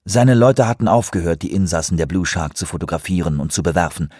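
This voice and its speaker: A man reading an audiobook in measured, dramatic storytelling narration. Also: deep voice, a little mellow, breathy edge, dry recording, studio quality. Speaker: audiobook reader. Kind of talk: scripted narration.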